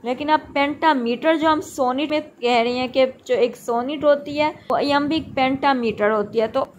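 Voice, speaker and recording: A woman teacher explaining a lesson step by step, slowly counting syllables aloud and mixing English terms into Hindi. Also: sits high, a little hiss or hum, rough recording.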